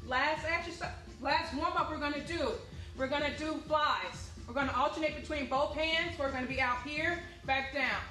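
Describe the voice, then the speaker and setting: A woman's voice: high-pitched, moderate pace, bright, forceful tone, roomy sound, soft background music. A young woman working as an aerobics instructor, leading a workout with short motivational cues and counts, recorded from a few steps away in an indoor room. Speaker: fitness class instructor. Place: medium-sized indoor activity room with hard floor. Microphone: camera or phone a few steps away.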